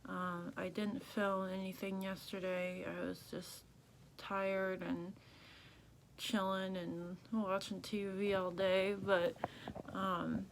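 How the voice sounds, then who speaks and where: Slow, creaky woman talking through a clenched jaw. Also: mid-range voice, flat delivery, a little hiss or hum, rough recording. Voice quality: restricted jaw movement, as if talking with jaw held shut. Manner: slow, halting, subdued. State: sore, swollen mouth after jaw surgery; very tired. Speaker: video blogger. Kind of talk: casual recovery vlog.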